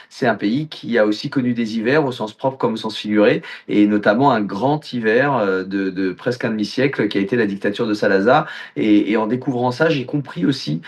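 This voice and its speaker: French-born male actor, mid-range voice, expansive interview talk. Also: mid-range voice. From France. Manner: expansive, talks at length. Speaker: actor and author, podcast guest. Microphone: video call.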